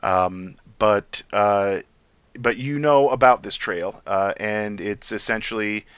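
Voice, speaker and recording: A man narrating as dungeon master for a tabletop game, halting with many filler sounds. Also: a bit bright, clear, resonant tone, dry recording. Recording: dull dry low-fi audio.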